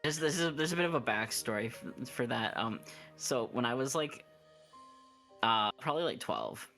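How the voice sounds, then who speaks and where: A man's voice: mid-range voice, lively intonation, moderate pace, bright, forceful tone, soft background music. A man streaming a game and chatting casually, telling stories with lots of fillers and restarts. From Canada.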